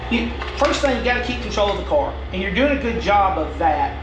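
Sitting at a laptop in an indoor room, a middle-aged man coaches a driver through race footage, patient and stop-start. His voice is high-pitched and sing-song, fairly quick, with a noisy background. The recording has a roomy echo and music beneath it.

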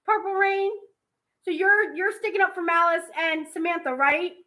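High-voiced angry swearing woman. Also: steady tone, moderate pace, bright, forceful tone. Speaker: streamer in a played clip. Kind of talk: angry livestream rant.

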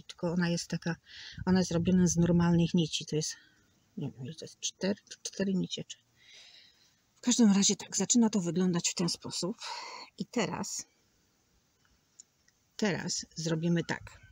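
A woman's voice: lowish voice, steady tone, normal speed, pauses often, darkish tone, slightly rough, no echo. A woman teaching a crochet tutorial, patiently counting stitches aloud and sometimes dropping to a near whisper. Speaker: crochet instructor.

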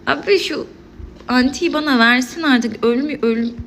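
Young woman, casual game commentary, excitable, laughing, slightly high voice, faint background hiss. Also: a little slow. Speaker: mobile game streamer.

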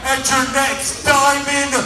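A young male wrestler taunts a live audience in a loud, boastful promo. His very high voice comes slowly over the PA, heard from far off in a very echoey hall. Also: monotone. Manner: boastful, taunting, shouted delivery. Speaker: professional wrestler. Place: large auditorium with stage and wrestling ring, indoors. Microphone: handheld mic over PA, captured by distant audience camera. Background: crowd noise, music.

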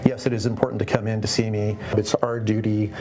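A middle-aged man, a family doctor, guesting on a TV studio segment and explaining calmly with many "you know"s, on a lapel mic. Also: fairly low pitch, fairly quick. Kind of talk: TV guest interview. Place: TV studio set.

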